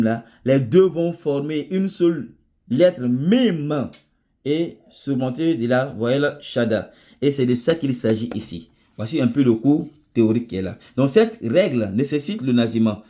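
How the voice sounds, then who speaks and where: A man's voice: a little high, a little mellow. French-speaking man teaching Quran recitation. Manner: checks in with a repeated "ça va?"; repeats and restates each point slowly. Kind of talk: tajwid lesson.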